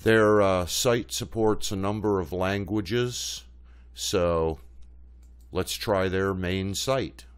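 A man narrates a screen-recorded tutorial in a low, unhurried voice. His tone is smooth and clear, and he talks plainly, pausing with fillers as he clicks through a website. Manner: plainspoken, hesitant with frequent uh fillers. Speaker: channel host.

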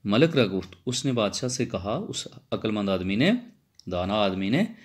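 A man's voice: fairly low pitch, expressive, moderate pace, husky. A man, a Persian lecturer, reads a Persian text phrase by phrase and explains each one again in simple words. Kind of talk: line-by-line text explanation lesson.

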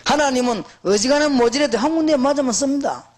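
A middle-aged man, a pastor, preaching a sermon in an emphatic, exhorting manner, with animated storytelling. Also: extremely high pitch, quick pace.

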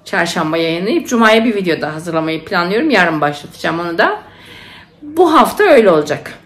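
Fairly low yet sing-song, and fairly quick, this middle-aged nurse and mother talks to camera at home. Her storytelling is casual and emotional, thick with fillers.

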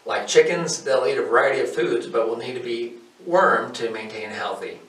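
A man's voice: medium pitch, moderate pace. Man narrating a farm-animal lesson. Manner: steady, informative, reads from a script. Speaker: farm channel host. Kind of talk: scripted educational narration. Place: indoors, in front of a wooden wall. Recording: roomy, somewhat distant mic.

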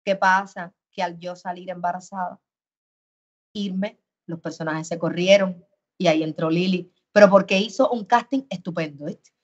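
A woman, an actress being interviewed, speaking loudly and emphatically as if arguing. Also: on the low side, normal speed, muffled recording. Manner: loud, emphatic and expressive, talks like she is arguing. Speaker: actress and guest. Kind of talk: animated interview answers.

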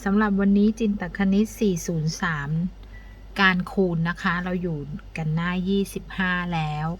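A woman leads an abacus math lesson in a slightly low voice. She counts the digits aloud one at a time and stops to ask her pupils for each answer. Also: fairly even intonation, moderate pace, slight background noise.

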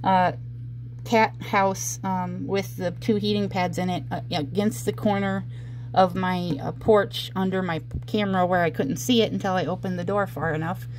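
A woman telling a personal story in a casual vlog, halting and explanatory, with an aggrieved manner. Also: fairly low pitch, steady tone, a little mellow, soft background music. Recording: clear background noise, handheld home recording.

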